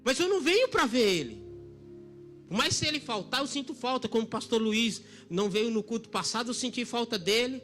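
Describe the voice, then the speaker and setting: A middle-aged man preaching a sermon at a church service, emphatic, dropping very soft for quoted lines. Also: very high voice, expressive, fairly quick, faint music behind. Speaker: pastor.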